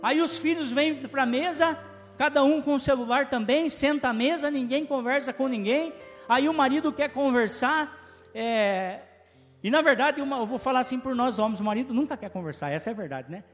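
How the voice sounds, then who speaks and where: A man with a Brazilian Portuguese accent preaches in a church, his voice pitched very high and full of rhetorical questions. The sound carries a long reverb from the hall. Soft music plays faintly underneath. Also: moderate pace. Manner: animated preaching with rhetorical questions and call-and-response. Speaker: pastor. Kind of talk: sermon.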